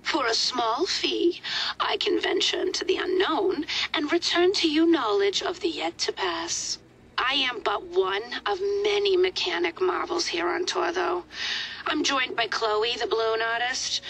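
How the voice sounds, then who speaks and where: Too-smooth android fortune teller. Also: female voice, sits high, big pitch swings, a little slow, a bit bright, slight background noise, heavily acted, rough recording. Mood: theatrical. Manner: grandiose, breathy mystic delivery with whispered flourishes. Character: smooth-talking female robot fortune teller, theatrical and mystic. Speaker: game character. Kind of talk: video game voice acting.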